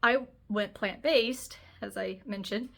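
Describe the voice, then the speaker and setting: A woman's voice: mid-range voice, takes it slowly, vocal fry, a bit bright. Congested, nasal woman chatting to camera. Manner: chatty, rambling with frequent "like". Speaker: health channel host. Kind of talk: casual talk to camera.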